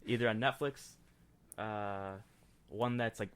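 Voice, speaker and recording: Speaking at a moderate pace in a lowish voice, this man hosts a laid-back podcast. He keeps cutting himself off and starting over while reading movie ratings aloud.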